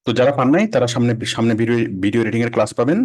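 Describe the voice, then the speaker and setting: A man teaching a casual online class, quick and conversational, repeating and restarting phrases. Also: medium pitch, a little mellow. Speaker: freelancing instructor.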